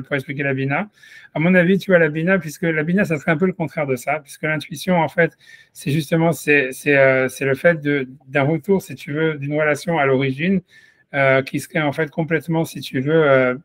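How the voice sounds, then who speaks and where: A man teaches a casual Torah class, his voice pitched a little high. He circles his points with constant fillers and false starts. The sound is close and dry, with no room echo. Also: fairly bright tone. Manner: rambling, many fillers and restarts, tutoyant the listener. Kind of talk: informal Torah lesson.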